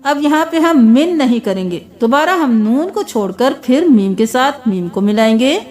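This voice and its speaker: A woman teaching Quran recitation, patiently explaining the rules and spelling words out slowly, letter by letter. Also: high-pitched, lively intonation, a little mellow. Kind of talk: Quran reading lesson.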